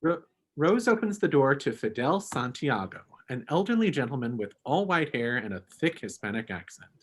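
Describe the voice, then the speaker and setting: Guy reading stage directions, husky, lively pitch, matter-of-fact. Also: moderate pace. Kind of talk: amateur table read narration.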